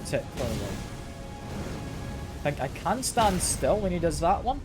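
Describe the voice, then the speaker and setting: This streamer's voice sits high and has a sing-song quality, moving at a moderate pace. Slightly ill and congested, he chats casually through his gameplay, frequently repeating words while game music plays.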